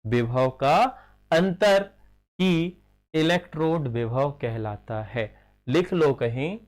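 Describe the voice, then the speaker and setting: In a classroom chemistry lecture, a man dictates slowly while writing, posing questions and answering them himself, repeating key terms and dropping in English phrases. His voice is fairly high with a darkish tone.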